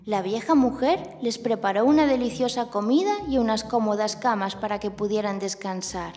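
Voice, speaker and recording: A woman's voice: on the high side, a little mellow, long reverb tail. A woman speaking like a kids show host, narrating a scripted children's story to young listeners. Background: music.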